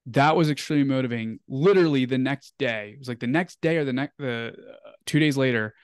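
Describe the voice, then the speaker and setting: A man's voice: medium pitch, quick pace, smooth, no room sound. Chatty young man, dry close mic. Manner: rambling, filler-heavy, "like" and "um" often. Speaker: interview guest. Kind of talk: casual storytelling interview.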